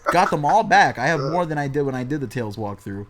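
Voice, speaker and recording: A young man hosting a casual podcast, talking fast and animated with plenty of swearing and banter. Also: fairly high pitch. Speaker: podcast host.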